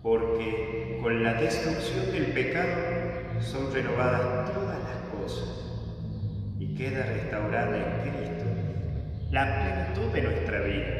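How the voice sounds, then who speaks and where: Slow priest in cathedral echo. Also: male voice, medium pitch. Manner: slow, solemn liturgical intoning. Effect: cathedral echo with long reverb. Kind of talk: leading mass prayers. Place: large church. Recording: echoey church from far off, faint music.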